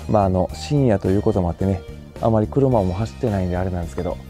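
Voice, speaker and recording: A man's voice: sits low, rapid-fire, mellow, soft background music. A man with a Kansai accent chatting casually in a gear-review vlog, thinking aloud with lots of fillers. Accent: Kansai Japanese. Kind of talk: casual mic-test vlog. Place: indoors at home, later outdoors at night.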